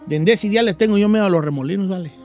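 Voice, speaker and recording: A man's voice: sits high, very fast, darkish tone, faint music behind. A man from Michoacán with a Mexican accent, telling a comic story in a campy, theatrical way and calling his listeners dear. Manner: theatrical, campy, calls listeners "hija" and "chiquita". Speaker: storyteller on a comedy show.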